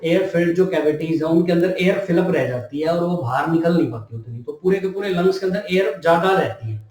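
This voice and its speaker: High-voiced male teacher in an echoey room. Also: a little fast, darkish tone. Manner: repeats key terms and asks the class questions. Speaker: nursing teacher. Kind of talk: classroom lecture. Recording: very echoey room, mic far off.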